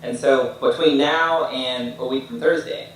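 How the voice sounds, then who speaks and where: A man's voice: mid-range voice, fairly even intonation, measured pace, very echoey, distant mic, poor audio. A man in a casual chat, asking direct questions and giving feedback.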